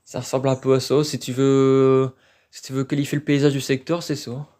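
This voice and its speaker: A man talks casually into a handheld phone as he explores outdoors. His voice is dark and mellow, and he thinks aloud with frequent hesitations. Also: mid-range voice, flat delivery, a little fast. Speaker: urban explorer live-streaming. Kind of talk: live-stream exploration commentary. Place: outdoors at an abandoned industrial site.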